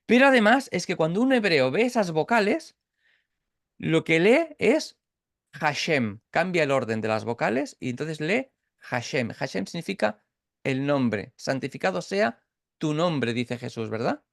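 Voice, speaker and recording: A man's voice: fairly high pitch, very animated, normal speed, vocal fry, no echo, studio quality. A man from Catalonia teaching an informal Bible study over a video call, explaining step by step with frequent restarts and checks for understanding. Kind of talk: informal online Bible class.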